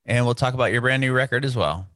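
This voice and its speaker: A man's voice: mid-range voice, fast, fairly bright tone, dry recording, clean studio sound. A man hosting a music podcast, chatting casually and upbeat over a video call, with short friendly affirmations. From San Diego, Southern California. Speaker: podcast host. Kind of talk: casual interview chat.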